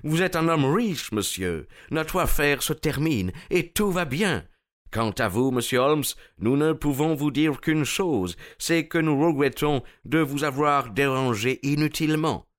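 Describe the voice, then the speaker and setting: A man voicing a pushy male American lawyer who talks in an insistent, hurried, persuasive way. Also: on the high side, expressive, voice pushed up.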